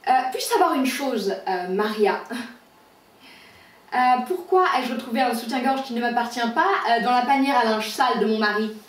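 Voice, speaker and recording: An imperious bourgeois lady scolds her servant in clipped, haughty tones, as a woman acts her out. The voice sits fairly high and carries an echo from a distant mic. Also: animated, normal speed, natural voice. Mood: haughty scolding. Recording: roomy echo, far from the mic.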